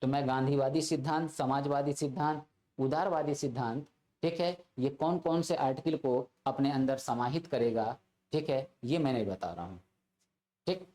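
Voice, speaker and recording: Speaking at a medium pitch and moderate pace with a dark tone, a polity teacher delivers a classroom lecture to students preparing for exams. Over and over, he repeats key phrases and checks in with the class.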